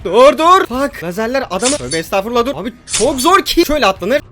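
A young man giving excited let's-play commentary, joking, yelping and cursing at the game as he plays. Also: very high-pitched, quick pace, slight background noise. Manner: loud, jokey, yelps and curses at the game. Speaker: gaming YouTuber.

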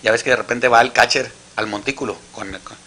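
A man with a Mexican Spanish accent tells crude jokes in casual storytelling fashion, acting out every character with crude slang. His medium-pitched voice is pushed and bright, fairly quick, with fairly even intonation.

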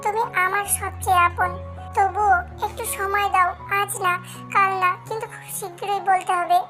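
A woman voicing a timid young widow, soft and fearful. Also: very high voice, fairly even intonation, moderate pace, soft background music. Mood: anxious.

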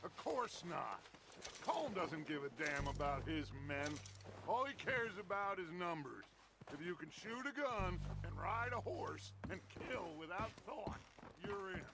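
A man's voice: high-pitched, animated, measured pace, creaky, full character voice. A man playing a commanding, scornful outlaw gang leader in a western video game, with declamatory delivery. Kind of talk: dramatic video game acting.

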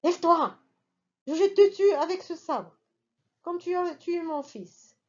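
Woman doing a big old vengeful genie guy, harsh and threatening, high and loud, kinda lo-fi audio. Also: slow pace. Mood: menacing. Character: huge ancient vengeful male genie.

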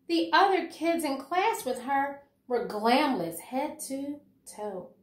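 Reading slowly and expressively, a higher-voiced woman educator shares a children's picture book and comments on it for kids and teachers. She is in a small room at home, where the recording picks up a roomy echo.

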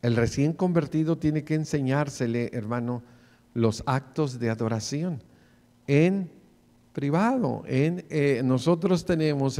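Male preacher, 40s, mid-pitched, earnest sermon, church hall echo. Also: a little mellow. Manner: preachy, calls listeners brother often. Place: church sanctuary, in front of the pulpit. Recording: long church reverb.

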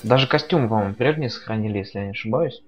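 A man's voice: lowish voice, racing, lo-fi sound. A man giving casual live commentary on a fighting game, talking in a conversational, analytical way. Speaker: esports commentator. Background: game music.

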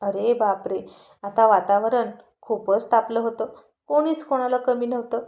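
Woman storyteller, lively, expressive narration, fairly high voice. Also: moderate pace, lo-fi sound.

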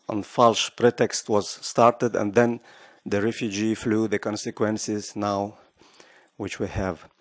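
This is an audience question at a large conference: a middle-aged man, earnest and gesturing, with non-native phrasing. His mid-range voice comes through a desk microphone, with him wearing a headset, and the sound is dry.

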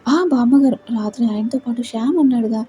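A woman voicing a gentle, thoughtful young wife who speaks respectfully and reasons things out aloud. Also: a little high, quick pace, slight background noise, natural voice. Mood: earnest.

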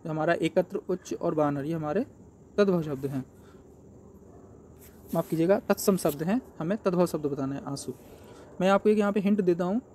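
High-voiced man tutoring Hindi exam questions. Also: mellow, a little hiss or hum. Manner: explains step by step, asks and answers his own questions. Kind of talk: exam paper walkthrough.

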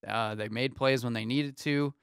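Clear and resonant at medium pitch, this twentysomething co-host of a laid-back sports talk show delivers game scores at a moderate pace in a steady rundown, saying um a lot. The dry recording comes from a small studio lined with foam panels, using a studio mic on an arm and headphones.

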